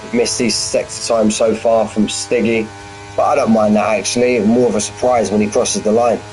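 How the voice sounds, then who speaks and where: A man's voice: fairly low pitch, flat delivery, normal speed, a little mellow, slight background noise, poor audio. A man giving informal, matey live commentary on an online racing league, chatting to the drivers like mates. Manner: matey, addresses drivers as mate, lad and bud.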